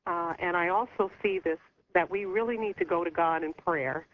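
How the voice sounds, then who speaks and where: A woman calling in to a radio talk show over the phone, speaking earnestly with a concerned, halting manner. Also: on the low side. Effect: heard over the phone. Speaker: caller. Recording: muffled phone line with faint hiss.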